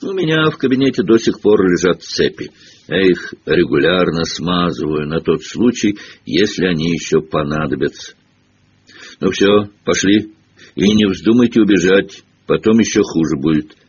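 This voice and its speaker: A man voicing a spiteful old male school caretaker who talks in a slow, gloating, menacing way. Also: low voice, expressive, highs cut off, a little hiss or hum.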